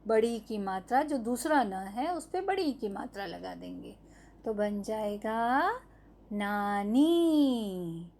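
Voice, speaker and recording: A woman's voice: a little high, wildly swooping pitch, measured pace, darkish tone, a little hiss or hum. A woman teaching an online lesson to young children, stretching out each syllable and answering her own questions. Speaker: primary school teacher.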